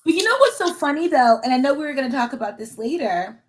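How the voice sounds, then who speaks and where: A woman's voice: sits high, animated, fast, rough recording. Candid self-mocking woman host. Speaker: podcast host. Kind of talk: casual chat.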